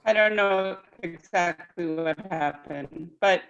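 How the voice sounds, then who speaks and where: A woman's voice: lowish voice, slow pace, creaky. A woman giving public comment at a town meeting, calling in remotely over a crackly, breaking-up phone line and talking hesitantly. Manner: hesitant, restarting over a bad connection. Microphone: remote call in to the meeting. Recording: muffled, distant remote call line.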